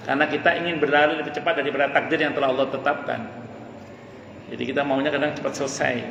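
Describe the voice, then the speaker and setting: A man's voice: mid-range voice, creaky, a bit bright, a little hiss or hum. A man giving a mosque sermon, earnest and conversational, asking questions and answering them himself. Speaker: preacher. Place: mosque hall. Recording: echoey mosque hall with long reverb.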